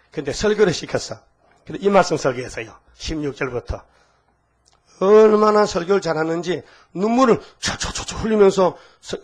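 An older man in his sixties preaching a sermon with a husky voice, emphatic and full of rhetorical questions to the congregation. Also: on the high side. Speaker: pastor.

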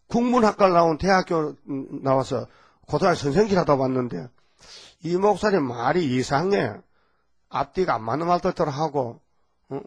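A man's voice: on the high side, slightly rough. An older man, a pastor with a Gyeongsang Korean accent, preaching a rambling, folksy sermon and often checking in with the congregation. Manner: rambling, folksy, constant call-and-response asides.

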